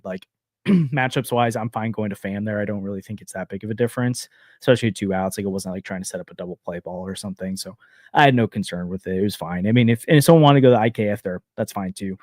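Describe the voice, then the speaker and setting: A man co-hosting a casual sports podcast, hedging a lot with fillers and quick restarts. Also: fairly low pitch, darkish tone, no room sound, clean studio sound. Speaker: podcast co-host.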